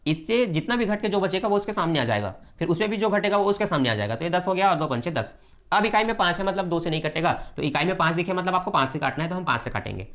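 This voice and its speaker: A man teaching a math lesson step by step, brisk and repetitive, often checking that students follow. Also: high voice, animated, fairly bright tone.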